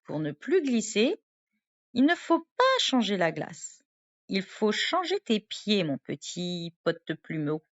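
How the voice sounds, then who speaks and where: A woman voicing a cheeky, excitable little male elf, exclaiming playfully as in a storybook read to a toddler. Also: medium pitch, slow, muffled recording. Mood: excited, confident.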